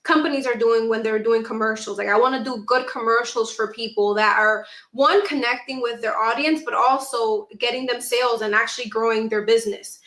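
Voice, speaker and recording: Speaking a little fast and barely pausing, this podcast guest, an actress and content creator with roots in the Dominican Republic and New York City, recounts her story in a lively, conversational way. She voices her own past remarks in a high, bright tone. Noticeable echo makes the sound roomy.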